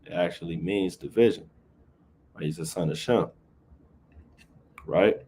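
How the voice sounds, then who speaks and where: On a livestream, a Bible teacher reads scripture aloud and then explains it casually, adding "right?" to almost every phrase. His voice is deep, unhurried, and slightly rough, with a darkish tone.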